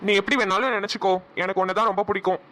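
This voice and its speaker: A woman's voice: medium pitch, steady tone, racing, sharp tone, lightly acted. A woman voicing a brash, teasing young man in a cartoon. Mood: smug. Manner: cocky, teasing. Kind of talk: cartoon voice acting.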